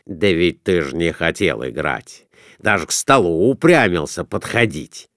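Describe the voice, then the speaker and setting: A man voicing a patient middle-aged husband who explains things in a low tone. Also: animated, unhurried, fairly bright tone, no room sound, studio quality.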